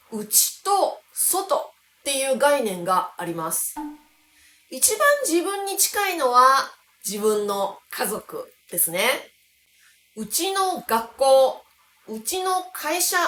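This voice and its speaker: A woman from the Kansai region of Japan, a language teacher giving an explanatory lesson and slowing down to stress key words. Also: high voice, sing-song, pushed and bright. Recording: roomy echo.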